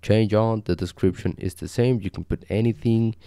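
Deep-voiced young man explaining code. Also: moderate pace, gravelly, no echo, studio quality. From Costa Rica. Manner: relaxed, conversational, with frequent fillers. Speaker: coding tutorial host. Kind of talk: casual screen-share tutorial. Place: small home desk setup indoors.

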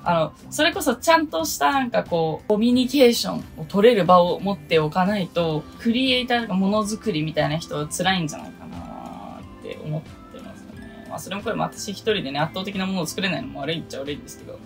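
A young woman in her twenties from Okinawa, chatting casually through a list of goals in a solo vlog, with a low voice and self-deprecating asides. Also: very animated, quick pace, creaky, few pauses, soft background music. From Okinawa, Japan. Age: 20s. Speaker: idol producer and vlogger.

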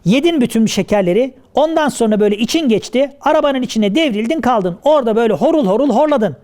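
A man voicing Hacivat, a pompous, learned gentleman in a traditional shadow puppet play, who talks in a preachy, lecturing way. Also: very high voice, lively intonation, fast.

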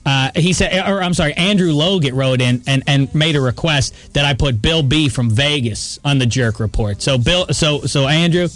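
A man's voice: on the high side, normal speed, hardly any pauses, a bit bright. A man co-hosting a comic talk radio show, delivering mock-angry, insulting rants. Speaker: co-host. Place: radio studio.

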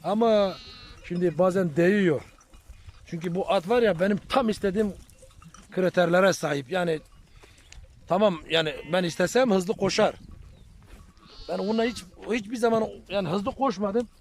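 A man's voice: high voice, normal speed, pauses often. Chatty shepherd man vlogging outdoors. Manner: chatty, addresses viewers as friends, calls loudly to animals. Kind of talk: casual outdoor vlog while herding. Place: outdoors in open countryside with sheep and goats. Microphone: handheld phone.

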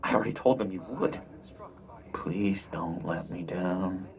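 An actor playing a volatile, needy criminal in a video game, theatrical and eager, halting and stammering as he swings between pleading and menace. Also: sits low.

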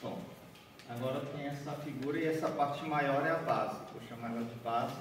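With a steady tone and moderate pace at medium pitch, a man in his forties from Bahia, Brazil, gives a chatty origami workshop to a seated group in a large conference room. He walks and folds paper, checking in with "né?" and "certo?". There is slight background noise, and a far room camera, no mic seen, captures the echoey hall.

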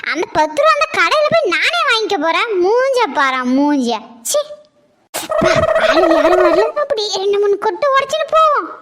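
A woman's voice: very high-pitched, noisy background. A woman playing a stingy, sneaky middle-aged village woman who mutters and grumbles to herself, in a comic skit.

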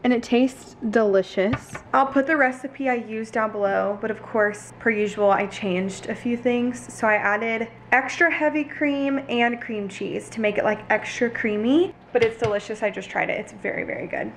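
She talks to the camera at a moderate pace with few pauses, her fairly high voice carrying a little hiss or hum. A lifestyle vlogger in her twenties, she chats earnestly at home in the kitchen and on the living room couch, leaning on "like" and "you know."

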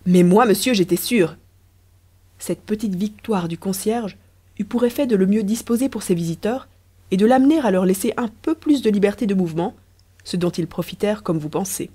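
Woman, audiobook narrator, mellow warm voice, playful lively storytelling. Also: medium pitch, brisk, breathy edge.

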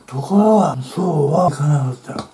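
A man's voice: a little high, expressive, moderate pace, a crowd in the background. A man telling rambling, chatty stories while eating on his vlog, speaking casually at home. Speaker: eating-show vlogger. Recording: roomy room with faint background noise.

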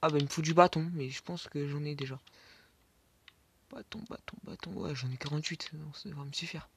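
Brisk and gravelly, this man's voice is on the high side, with a bit of hiss or hum. He's a YouTuber commentating his Minecraft game, muttering to himself, cursing, and now and then whispering over the clicks of his keyboard and mouse.

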